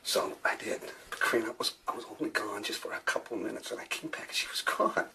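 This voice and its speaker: An actor playing a shaken husband who gives a halting, defensive account of his wife leaving. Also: fairly low pitch, gravelly, heavy background noise. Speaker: husband of the missing woman. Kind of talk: film drama.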